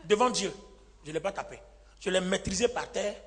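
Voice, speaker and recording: A man's voice: high-pitched, normal speed. A male pastor telling a story in a sermon, acting out the lines of the people in it and laughing often, recorded live in a reverberant hall. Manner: animated, acts out quoted lines, laughs often. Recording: live hall with long reverb and faint music.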